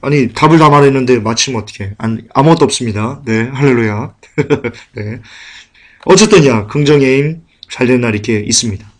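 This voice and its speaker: A male pastor preaching a sermon in church, swinging dramatically between emphatic bursts and hushed lament. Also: medium pitch, fairly quick.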